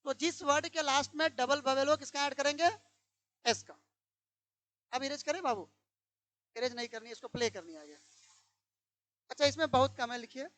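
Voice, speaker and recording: A woman with a high voice teaches grammar to a room of pupils. She fires questions at them and repeats each one until they answer. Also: normal speed, pauses often, a bit bright. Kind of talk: classroom grammar lesson. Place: classroom.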